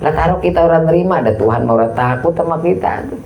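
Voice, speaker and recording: A man's voice: a little high, fast talker, creaky, a little mellow, a little hiss or hum. A middle-aged man, giving an informal Islamic study sermon in folksy storytelling style, acting out prayers and dialogue. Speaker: religious teacher. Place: mosque study hall. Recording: echoey hall, faint ambience.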